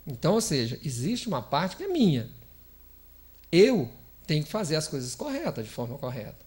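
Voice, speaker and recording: A man's voice: on the high side, wildly swooping pitch, brisk, darkish tone. A man from Brazil giving a chatty, playful spiritist lecture, laughing often and putting questions to his audience. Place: lecture hall of a spiritist center.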